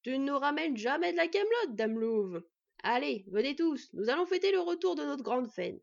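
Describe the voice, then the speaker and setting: A woman voicing a gruff, hearty male dwarf blacksmith who talks loud and booming, in a storybook reading. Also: sing-song, moderate pace, full character voice. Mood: booming, jovial. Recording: dull lo-fi recording.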